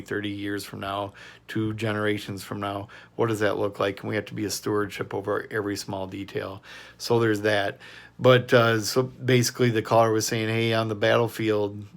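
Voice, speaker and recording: A man hosting his own commentary channel, talking casually and earnestly in a rambling opinion monologue full of fillers and restarts. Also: lowish voice.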